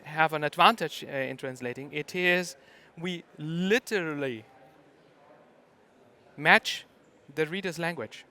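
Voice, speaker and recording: A middle-aged man giving a conference talk, stopping often to hesitate. His voice sits fairly high and sounds bright, clear and crisp through the microphone. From Germany. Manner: hesitant, many ums and uhs. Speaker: conference speaker.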